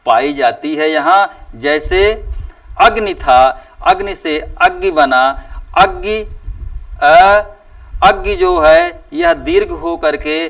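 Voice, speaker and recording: Male teacher, higher-pitched and gravelly, drawn-out deliberate lecturing. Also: a bit bright, recorded from a distance. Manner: slow and deliberate, stretching out example sounds with emphatic rises. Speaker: Hindi teacher. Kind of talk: classroom lecture.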